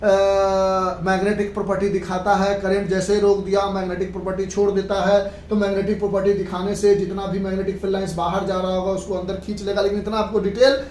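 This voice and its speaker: A woman with a medium-pitched, darkish voice talks fast and level with few pauses while teaching physics. Her lecture style is instructive: she repeats points, checks that the class understands and uses English terms. Captured from a distant mic in an echoey room with background noise.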